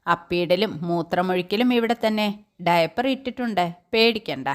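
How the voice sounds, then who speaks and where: A woman's voice: fairly low pitch, moderate pace, natural voice. A woman voicing a kind young female nurse who talks to a patient in a soothing, coaxing way. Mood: gently firm.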